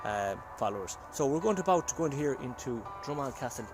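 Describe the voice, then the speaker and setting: A man's voice: medium pitch, expressive, fast talker, music in the background. An Irish man casually narrating a paranormal investigation and calling out questions, often repeating his phrases. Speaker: paranormal investigator and channel host. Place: at a castle and woods. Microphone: phone.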